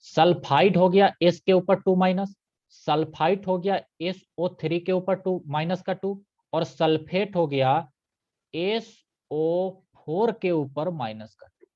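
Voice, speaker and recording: A man's voice: sits high, takes it slowly, dull audio. A man teaching a live online chemistry class, patiently repeating key points and checking that students follow.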